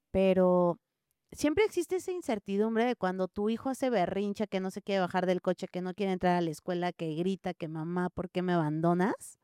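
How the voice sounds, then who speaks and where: A woman's voice: fairly low pitch, dark tone, clean tone, no room sound, clean studio sound. Woman host asking long questions. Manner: asks at length, lists a child's tantrum in detail. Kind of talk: interview questions.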